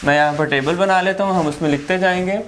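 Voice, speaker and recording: A male teacher with a Pakistani accent, his voice sitting a little high for a man. He works through a classroom grammar lesson slowly, repeating words and asking questions he then answers. A faint hiss of noise runs under the recording. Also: steady tone, a bit bright.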